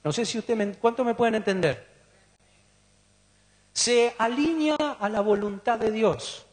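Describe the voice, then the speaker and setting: A man's voice: sits high, measured pace. A man with a Rioplatense Spanish accent preaching a sermon, putting questions to the congregation. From Argentina. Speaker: pastor. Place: church hall. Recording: long church reverb.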